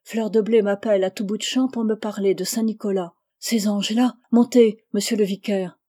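An anxious baker father from a storybook, voiced by a woman. He speaks with urgency and pleading tenderness, and his calls come out loud. The reading voice underneath is mellow. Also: mid-range voice, steady tone, normal speed, natural voice. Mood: bustling.

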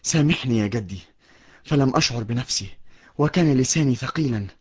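A man's voice: medium pitch, animated, a little fast, slightly rough. A man playing a timid, curious young boy who stammers when scared, in a children's audio drama. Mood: gentle.

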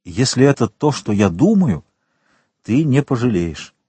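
An adult man voicing a rich, mysterious count with measured, restrained speech in a storybook reading. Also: mid-range voice, very animated, dark tone, husky, no room sound, heavily acted. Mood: calm. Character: wealthy mysterious count, calm and commanding.

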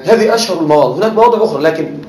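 A man's voice: fairly high pitch, lively intonation, racing, a little mellow. A man teaching a class in a lecture style, often stopping to ask whether his students are following. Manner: keeps checking that students follow. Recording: echoey classroom.

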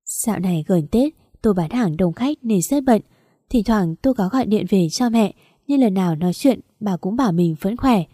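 A woman narrating a first-person story in a calm, measured, reflective way. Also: mid-range voice, no room sound, studio quality. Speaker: audiobook narrator.

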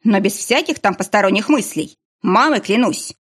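A woman's voice: medium pitch, expressive, moderate pace, husky. A woman voicing a young man, a blunt and defensive boyfriend in an audiobook.

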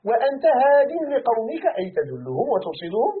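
A man's voice: very high voice, quick pace, a little hiss or hum. A man with a Moroccan accent teaching a Quran commentary lesson, who asks his students questions and answers them himself. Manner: animated, rhetorical questions to students. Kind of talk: classroom tafsir lesson. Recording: tinny phone-like recording.

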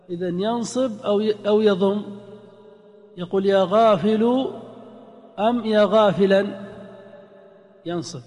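High-voiced sheikh teaching in a hall. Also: male voice, warm tone. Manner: drawn-out sing-song recital of examples, quizzing students. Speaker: sheikh teaching Arabic grammar. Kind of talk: classroom grammar lesson. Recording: long-reverb lecture hall.

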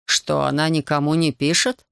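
A man's voice: a little high, fairly even intonation, normal speed, creaky, dry recording, clean studio sound. A man reading the lines of an indignant male investigator who argues defensively and later turns weary and sympathetic. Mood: weary, sincere. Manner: offended, argumentative, later weary.

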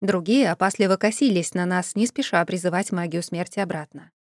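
A woman narrating a first-person fantasy novel in an expressive, dramatic way. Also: on the low side, brisk, dry recording, studio quality. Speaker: audiobook narrator.

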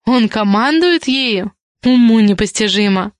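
A woman's voice: fairly high pitch, lively intonation, unhurried, no room sound. A woman voicing an angry young woman who stutters in her outbursts, in an audiobook reading. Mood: indignant.

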